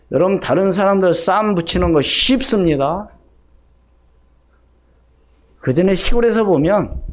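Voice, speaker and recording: A man's voice: a little high, a little mellow. A middle-aged male pastor giving a conversational Sunday sermon, acting out snippets of everyday dialogue. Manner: conversational preaching, acts out gossipy dialogue.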